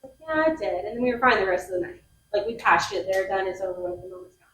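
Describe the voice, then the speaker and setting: A woman's voice: medium pitch, racing, a bit bright, slight background noise. A woman co-presenter telling a personal story and acting out the quotes with animation. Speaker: behavior analyst co-presenter. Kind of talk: personal anecdote in a talk. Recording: echoey, far from the mic.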